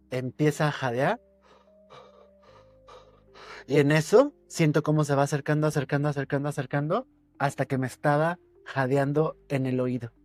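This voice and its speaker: Man telling a spooky story. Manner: suspenseful storytelling, repeats words for effect, drops his voice low. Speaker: podcast guest. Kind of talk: telling a personal ghost story.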